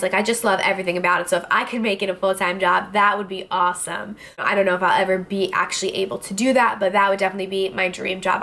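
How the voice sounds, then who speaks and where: Chatty and filler-heavy, a New Jersey woman of twenty talks to a nearby camera while answering viewers' questions in her casual beauty vlog, saying "like" and "I don't know" constantly. Her voice is mid-range and a bit bright, and she's indoors in a small room with a clothes rack at her back.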